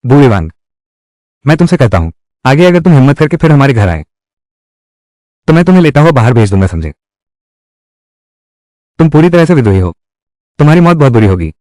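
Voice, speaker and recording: Lively man reading a dubbed drama. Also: mid-range voice, brisk, pauses often, dry recording, clean studio sound. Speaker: voice-over reader of a dubbed drama. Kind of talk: reading every character's lines in one voice.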